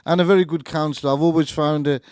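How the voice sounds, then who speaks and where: A man chats casually as a co-host on live radio. His voice sits a little high and sounds close and dry. He is hesitant, often doubling back on words and phrases. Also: steady tone, fast talker, a little mellow, smooth, no echo.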